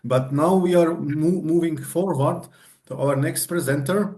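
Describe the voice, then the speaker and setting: A man moderating a conference on a video call, introducing the next presenter with halting uhs. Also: fairly high pitch, darkish tone. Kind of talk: introducing speakers.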